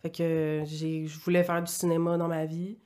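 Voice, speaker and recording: A woman's voice: sits low, level tone, moderate pace, mellow. Chatty Quebec French woman in her thirties. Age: 30s. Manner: candid storyteller, chatty and run-on. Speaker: podcast guest. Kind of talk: casual conversational interview.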